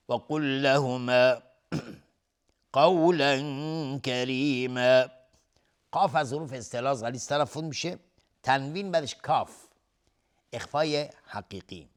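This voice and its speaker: A man with a Persian accent leads a recitation lesson. He draws out each verse in a slow, raised chant, then drops into brisk, matter-of-fact explanation of the rules. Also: medium pitch. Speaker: Quran recitation teacher.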